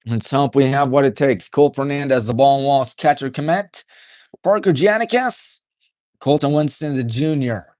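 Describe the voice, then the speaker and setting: A man doing play-by-play radio commentary for a high school baseball game from a press box, folksy and partisan, keeping his voice deliberately restrained. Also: dry recording, clean studio sound. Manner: folksy, chatty, partisan toward home team; deliberately restrained, hushed delivery.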